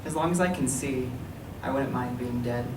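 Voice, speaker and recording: In an echoey library room, a mid-range-voiced man reads his own literary work, a dramatic monologue in verse, with solemn restraint before a live event. The mic sits at a distance and picks up noticeable noise.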